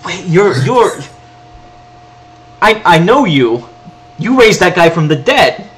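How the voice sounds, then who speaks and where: A man's voice: sits high, sing-song, slow pace, a bit bright, voice pushed up, heavily acted. A man doing a stammering New York cabbie. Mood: starstruck. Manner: rambling, stammering haggling. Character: gruff male New York cab driver.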